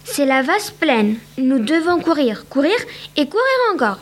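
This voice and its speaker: Timid stammering rabbit, male, high-pitched, read by a woman. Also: sing-song, measured pace. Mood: nervous. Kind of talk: storybook read-aloud.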